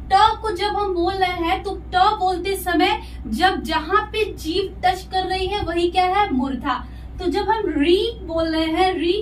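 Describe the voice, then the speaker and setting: Very high-voiced woman teacher in an echoey room. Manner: explains patiently, asks rhetorical questions and answers them. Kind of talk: classroom lesson explaining step by step. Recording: echoey room, voice from a distance, faint noise.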